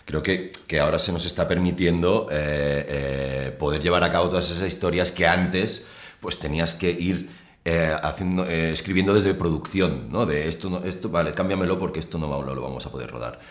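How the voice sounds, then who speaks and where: A man, an actor, answering interview questions in a relaxed, reflective way with many fillers. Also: sits low, a little fast, roomy sound. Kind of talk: casual interview talk.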